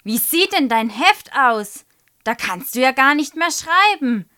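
A woman's voice: high voice, sing-song, unhurried, clean tone, voice pushed up, heavily acted. A woman putting on a stern scolding schoolteacher. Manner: scolding, loud and raised. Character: stern female class teacher.

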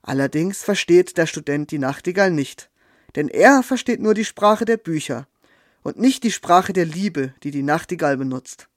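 A man telling a fairy tale in a gentle, measured storytelling manner. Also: a little high, expressive, dry recording, studio quality. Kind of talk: scripted storytelling.

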